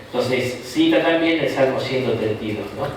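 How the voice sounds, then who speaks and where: Captured from a distance in an echoey room with slight background noise, a man speaks at normal speed in a medium-pitched voice. He's a bishop giving an informal, chatty and jokey Bible class in Rioplatense Argentine Spanish, frequently tagging sentences with a questioning "¿no?".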